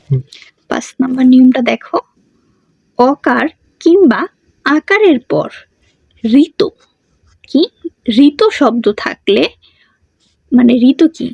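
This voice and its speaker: A woman's voice: high-pitched, animated, slow pace, creaky, long pauses, darkish tone, breathy edge, no room sound. A woman teaching a grammar lesson. She asks questions and answers them herself, and she repeats the key words. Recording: dull muffled sound, dry.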